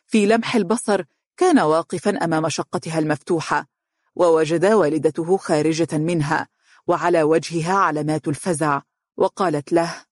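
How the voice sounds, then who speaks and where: A narrator with an Egyptian accent reading a novel aloud in a steady, formal manner. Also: mid-range voice, fairly quick, no echo, studio quality. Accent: Egyptian Arabic.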